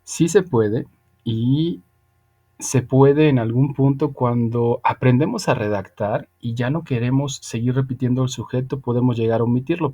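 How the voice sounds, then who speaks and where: A man teaching English over a video call, his voice mellow and relaxed. He explains patiently and keeps checking in with his students with a quick "ok?". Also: mid-range voice. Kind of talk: online class lecture.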